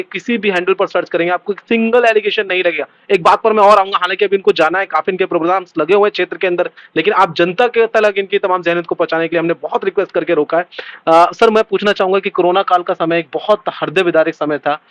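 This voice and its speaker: Male reporter from Delhi, rapid pressing questions, dry muffled sound. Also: sits high, fairly bright tone, dry recording. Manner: quick, pressing questioner with many hmm acknowledgements. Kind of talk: interview questions.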